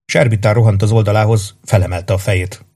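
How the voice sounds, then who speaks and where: A husky man reads an audiobook aloud in a measured, dramatic manner. His voice sits low and slightly breathy. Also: steady tone, mellow. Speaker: narrator. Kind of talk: audiobook reading.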